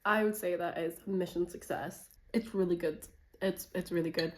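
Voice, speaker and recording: A book vlogger chats casually at home in her kitchen, rambling with lots of fillers while dealing with a stuffy cold. Her lowish voice is steady and moves at a normal speed. The room is echoey and the mic sits at a distance.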